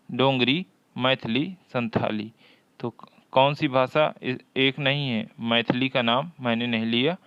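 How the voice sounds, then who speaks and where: Slow, clear-voiced male Hindi teacher. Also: mid-range voice, fairly bright tone, no room sound, muffled recording. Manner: slow, deliberate, repeats each question aloud. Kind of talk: exam-prep lecture.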